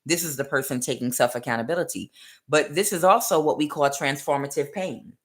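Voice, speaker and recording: A woman with a low-pitched voice talks fairly quickly while giving a rambling spiritual tarot reading. As a tarot reader, she fills her speech with "uh" and acts out the voices she quotes.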